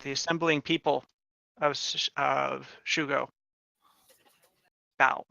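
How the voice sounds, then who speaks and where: A man narrating an improvised tabletop role-playing game as game master, with halting pauses. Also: mid-range voice, flat delivery, vocal fry, pushed and bright, no echo, dull audio.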